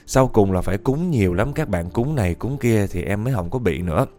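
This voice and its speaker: A man's voice: on the low side, animated, a little fast, warm tone. A man reading a listener's ghost story aloud in a chatty style, often turning to address his audience.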